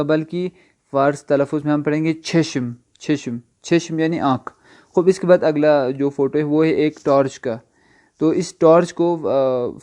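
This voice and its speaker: Smooth-voiced man teaching a language lesson. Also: a little high, a little mellow. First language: Urdu. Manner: slow repetitive explaining with rhetorical questions; spells words letter by letter. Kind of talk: recorded online lesson.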